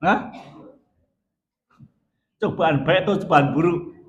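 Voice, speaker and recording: A middle-aged man with a Javanese accent preaching a dawn sermon in a mosque, telling stories in an animated way and acting out the voices of people in them. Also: on the high side, slow, highs cut off. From Indonesia.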